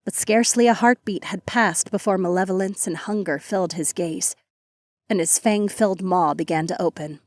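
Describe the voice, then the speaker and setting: A woman giving scripted, measured narration of a fantasy audiobook. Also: on the low side, a little mellow, no echo, studio quality.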